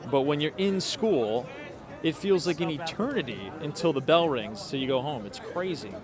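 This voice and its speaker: A man's voice: a little high, lively intonation, moderate pace, a crowd in the background. A man in his late twenties chatting casually to livestream viewers while walking outdoors on cold city streets at night, thinking aloud with fillers. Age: 20s. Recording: street noise behind.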